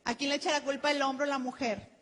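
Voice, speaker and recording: A woman pastor preaches to her congregation, her voice pitched high and lively as she acts out everyday excuses. The sound carries a long reverb tail from a church hall. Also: fast talker. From Mexico. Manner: animated, acts out excuses in quoted voices, addresses congregation as "hermanos". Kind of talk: sermon. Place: church sanctuary.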